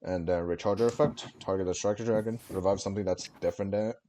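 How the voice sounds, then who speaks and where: A man's voice: sits low, fairly even intonation, fast, warm tone, a little hiss or hum. A man on a livestream headset mic, casually calling out his card game moves with many fillers. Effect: livestream headset mic audio. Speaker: streamer and card game player. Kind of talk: casual play-by-play commentary of his own turn.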